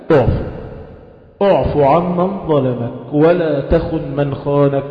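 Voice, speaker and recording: A man with an Egyptian accent giving a Quran lesson, moving between lively dialect explanation with rhetorical questions and slow recitation. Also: high-pitched. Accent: Egyptian Arabic. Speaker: religious teacher. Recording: echoey hall, muffled lo-fi sound.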